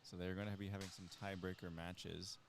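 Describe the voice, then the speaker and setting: A man's voice: deep voice, flat delivery, fairly quick, vocal fry, a little hiss or hum. A man doing casual live commentary at a fencing tournament, explaining the action and the matchups.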